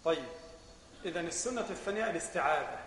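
A man with an Egyptian accent teaching a religious lesson as a sheikh. He asks questions and answers them himself, and builds to loud, emphatic passages. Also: fairly high pitch, animated, fast talker, echoey room, in a large hall, slight background noise. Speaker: sheikh teaching Islamic jurisprudence.

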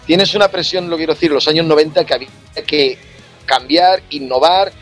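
A man's voice: a little high, fairly quick, fairly bright tone, soft background music. A man in his forties with a Spain Spanish accent, a singer talking as a podcast guest in a frank, colloquial and jokey way. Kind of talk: casual music chat.

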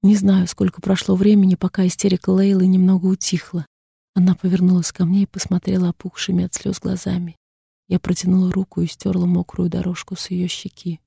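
Gravelly, husky woman reading a novel. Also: fairly low pitch, monotone, a little fast, warm tone, dry recording, studio quality. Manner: subdued, introspective reading. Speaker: audiobook reader. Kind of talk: first-person novel narration.

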